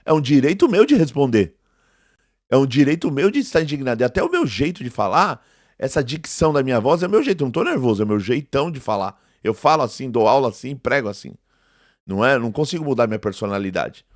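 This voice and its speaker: A man's voice: medium pitch, very animated, fast talker, dry recording, studio quality. A man in his forties, a theology teacher, answering a critic directly to camera in an emphatic, indignant way and repeating his points. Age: 40s. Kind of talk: direct-to-camera response video.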